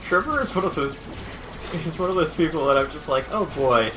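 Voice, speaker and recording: A woman's voice: deep voice, sing-song, quick pace, over music, poor audio. A woman giving casual, emphatic let's play banter, often repeating herself for effect. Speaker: gaming commentator.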